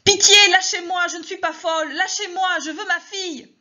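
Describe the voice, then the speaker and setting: A woman's voice: a little fast, muffled recording. A woman reading her story aloud, voicing a terrified young mother who screams and pleads that she is not mad. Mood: frantic screaming. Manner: screaming and pleading, high and shrill. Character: terrified young mother, frantic, accused of madness.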